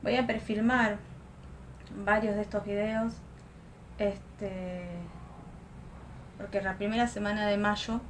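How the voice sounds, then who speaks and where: A woman's voice: medium pitch, level tone, slow pace, pauses often, a little hiss or hum. Chatty young woman vlogger. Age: young adult. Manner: chatty, thinks aloud with fillers. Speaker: makeup vlogger. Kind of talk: casual makeup tutorial. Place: home room, close to a lamp.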